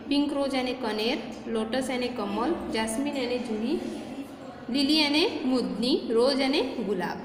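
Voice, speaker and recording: A woman with an Indian accent teaching young children, repeating each word slowly and clearly. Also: sits high. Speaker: schoolteacher. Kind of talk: classroom lesson for young children. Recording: echoey room with faint background noise.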